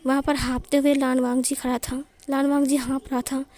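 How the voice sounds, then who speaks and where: ऊँची आवाज़ वाली कहानी सुनाती महिला. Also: female voice, high voice, little pitch movement, brisk, a little mellow, no room sound. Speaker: fan fiction narrator. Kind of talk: storytelling narration.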